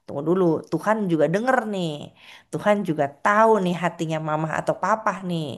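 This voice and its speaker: A woman's voice: lowish voice, a little fast. A woman preaching a sermon in a conversational way, a mother who acts out the voices she quotes. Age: adult with a child.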